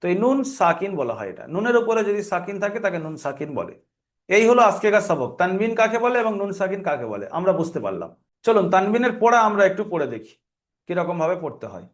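A man's voice: sits high, sing-song, a little fast. A male teacher with a Bengali accent giving a recorded reading lesson, patiently spelling out letters and repeating drills.

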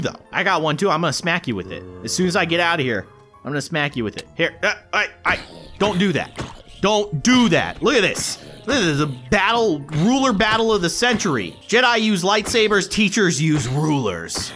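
Young male gaming host, chatty and excitable, lively pitch, bright tone, soft game music underneath. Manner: excitable, chatty, quick reactions. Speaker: gaming YouTuber. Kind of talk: casual let's-play commentary.

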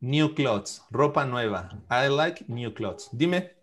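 A man teaching English to children in an online class over a video call, speaking slowly and patiently, repeating and spelling out phrases. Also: mid-range voice, lively intonation, fairly bright tone.

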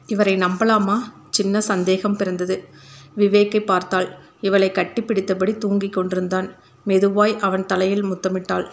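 A woman narrates a romance novel for an audiobook. Her delivery is steady and even, and her pitch stays flat within a narrow range. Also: moderate pace, a little hiss or hum. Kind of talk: reading a romance novel aloud.

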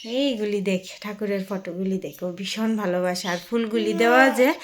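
A woman's voice: mid-range voice, moderate pace, over a noisy crowd. A young mother from West Bengal, narrating her day at home in a casual, homely vlog voice-over. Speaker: vlogger, mother.

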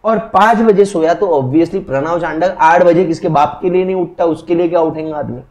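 A man's voice: a little high, moderate pace, darkish tone. A young man teaching law in a casual classroom lecture, explaining through chatty, jokey stories.

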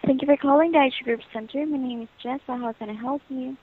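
Quick and high with a breathy edge, this woman's voice belongs to a hotel booking agent speaking over a telephone line. She's courteous and patient, leaning on scripted service phrases, and the call is muffled and lo-fi.

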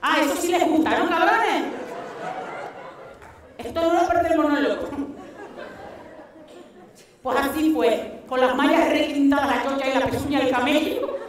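In a very echoey hall, heard at some distance, a woman delivers a stand-up monologue in a Canarian Spanish accent. Her voice is high-pitched. She tells it in colloquial, blunt language, acting out the people in her stories. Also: unhurried, long pauses, some chatter behind. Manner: animated storytelling, acting out quoted exchanges. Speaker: stand-up comedian. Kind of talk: stand-up comedy monologue to a live audience. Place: theatre stage, indoors. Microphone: headset microphone.

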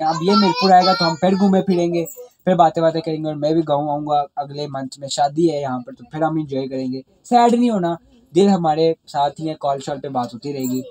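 A man's voice: a little high, rough recording. A young man from Pakistan chatting casually in a village vlog, then signing off to viewers. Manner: excited, laughing, talks over friend. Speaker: vlogger.

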